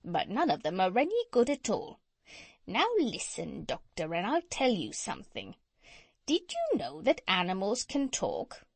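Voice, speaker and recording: A woman voicing a proud, bossy female parrot in a storybook, with a high voice and an insistent, instructive manner. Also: wildly swooping pitch, unhurried, creaky, husky, no room sound, heavily acted. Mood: proud, persuasive.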